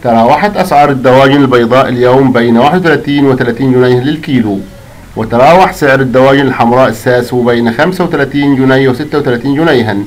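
A man with an Egyptian accent, hosting his channel and briskly reading out a long report of market prices, list after list of numbers. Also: medium pitch, low-quality recording. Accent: Egyptian Arabic. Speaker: channel host.

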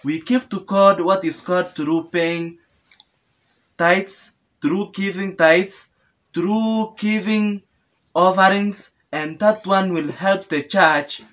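A young man delivers a sermon straight to the camera from a small room. He speaks slowly and earnestly in a slightly high voice. He often asks a question, answers it himself, and restarts or repeats phrases as he goes. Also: fairly bright tone. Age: young adult. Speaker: preacher. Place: small indoor room with sofa.

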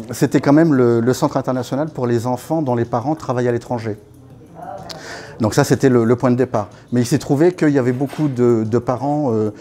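This personal storytelling talk comes from a man in his fifties with a dark, medium-pitched voice, a guest at a networking evening. Congo-born, raised in Africa by French parents, he recounts his life anecdotally and casually, with plenty of fillers and restarts, captured by a far camera in a small meeting room.

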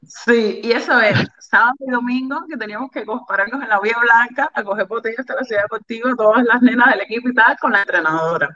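Fast-talking and animated, a Cuban volleyball player opens up about her life in an interview, repeating phrases for emphasis. Her voice is on the high side and carries a Cuban Spanish accent. The sound quality is lo-fi.

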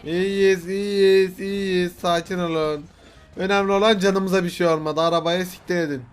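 A man giving comedic gameplay commentary, excitable and breaking into shouts as he role-plays a chauffeur speaking to his boss. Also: high voice, moderate pace, faint music behind. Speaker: gaming YouTuber.

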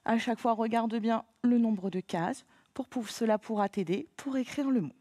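A woman teaching a phonics lesson to children, patient and encouraging, spelling out sounds slowly. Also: fairly high pitch, mellow, no room sound, studio quality.

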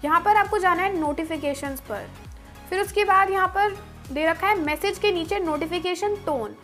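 A woman's voice: very high voice, moderate pace, a bit bright, soft background music. A young woman hosting a tech video, walking viewers through phone settings step by step in a friendly tone.

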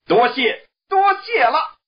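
A man voicing a brash, cocky male monkey king in a shrill, excited voice for a read-aloud story. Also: slow, slightly rough, exaggerated voice. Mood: delighted. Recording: dull lo-fi recording.

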